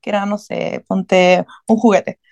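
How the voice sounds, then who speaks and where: A woman's voice: mid-range voice, level tone, a little slow, a little mellow, no room sound. A young woman with a Chilean accent, telling a story in casual chat with slang and restarts.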